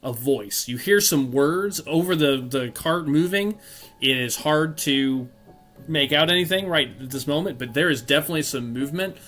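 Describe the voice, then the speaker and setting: A man narrating as game master of a tabletop role-playing session, often pausing and thinking aloud with fillers and restarts. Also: on the high side, fairly bright tone, faint music behind.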